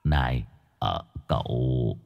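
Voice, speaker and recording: A man voicing a brash, meddling old male ghost in a low, gruff voice. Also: very animated, unhurried, dull audio, soft background music. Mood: sheepish.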